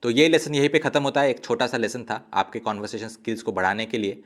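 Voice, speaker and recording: A man teaching an online language lesson, explaining step by step and slowly drawing out example words to model their pronunciation. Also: mid-range voice.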